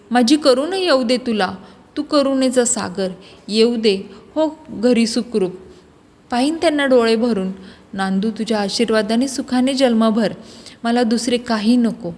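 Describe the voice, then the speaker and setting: A devout young wife prays with fervent, imploring urgency, voiced by a woman reading aloud. Her voice rides fairly high. A long echoing reverb surrounds it. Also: a little mellow.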